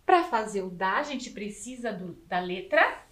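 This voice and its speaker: Brazilian woman, teacher, slow and patient pace, lively rising and falling pitch, sounds out every syllable. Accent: Brazilian Portuguese. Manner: syllable-by-syllable, exaggerated enunciation. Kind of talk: slow, drawn-out classroom instruction for children.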